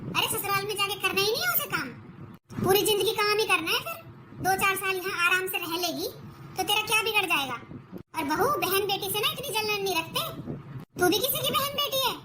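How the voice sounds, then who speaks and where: Cartoon mother-in-law, older, taunting and bossy, voiced by a woman; very high voice, noisy track. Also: expressive, brisk. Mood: scolding. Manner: scolding, taunting. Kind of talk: cartoon voice acting. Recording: noisy recording.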